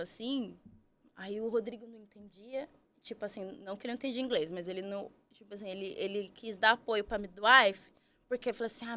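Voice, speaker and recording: A woman's voice: mid-range voice, a bit bright. A woman, telling her story as a podcast guest, chatty and full of tag questions. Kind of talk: casual storytelling.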